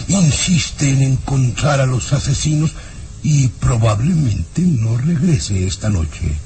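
A sly villainous baron in an old-time radio drama. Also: male voice, fairly low pitch, darkish tone, heavily acted. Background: dramatic background music.

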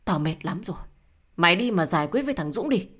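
Woman voices a gruff, weary elderly father in a storybook; scolding, somewhat low. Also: expressive, fast, fairly bright tone.

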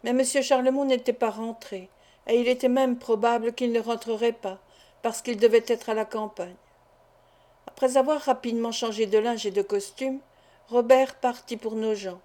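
A woman narrating a classic novel as an audiobook, reading in a measured, steady way. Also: a little high.

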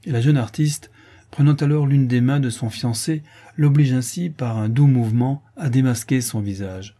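A man narrating a classic novel as an audiobook, with steady, measured storytelling. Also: medium pitch. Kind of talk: audiobook reading.

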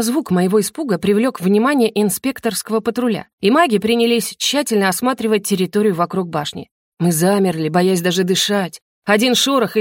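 A woman narrating a first-person fantasy audiobook in a lively, wry manner. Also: mid-range voice, dry recording, clean studio sound.

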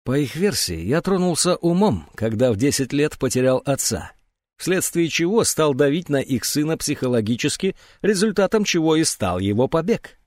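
A man's voice: a little high, very animated, moderate pace, a little mellow, no echo, voice pushed up. Bitter young male patient, read by a man. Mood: cold. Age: young adult. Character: sharp, bitter 19-year-old male patient.

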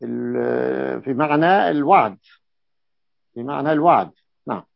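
Gravelly man teaching grammar. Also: medium pitch, a little slow, no echo. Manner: explains by repeating terms and asking checking questions. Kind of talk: classical grammar lesson with questions to students. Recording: dull lo-fi dry recording.

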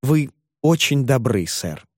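A man's voice: medium pitch, big pitch swings, slow pace, darkish tone, dry recording, studio quality. A man putting on a gushing, tearful landlady. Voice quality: trembling, effusive. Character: gushing, tearful middle-aged landlady widow.

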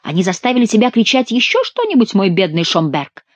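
A woman's voice: mid-range voice, very animated, a little fast, no room sound, muffled recording, pitched above the performer's own voice. A woman voicing an agitated, fussy king who asks anxious, exclaiming questions.

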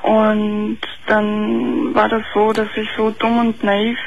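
A young woman in her twenties on a call-in line, her voice coming through faint and thin like a distant telephone. She talks hesitantly, with a gravelly, fry-laden tone held to a flat, narrow pitch. The line is muffled and carries a faint hiss. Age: 20s. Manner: hesitant, halting, many fillers. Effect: faint, thin phone-line sound. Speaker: caller. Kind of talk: call-in radio talk.

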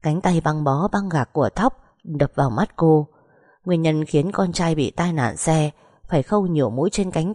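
A woman narrating a sad family story in a soft, measured storytelling voice. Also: deep voice, no echo, studio quality.

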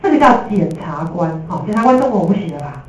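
A woman teacher with a Taiwanese Mandarin accent gives a lively, jokey classroom lecture, slipping in English terms. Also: lowish voice, fast. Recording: echoey room from a distance.

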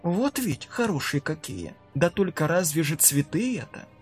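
Man doing cunning witch woman, soft coaxing voice, higher pitch, storybook. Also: very animated, moderate pace, faint music behind. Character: sly young-looking witch woman, cunning and weary.

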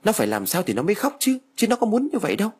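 A man's voice: mid-range voice, sing-song, normal speed, breathy edge. A man doing a pleading young father. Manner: pleading, rising. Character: worn-out young father defending his son.

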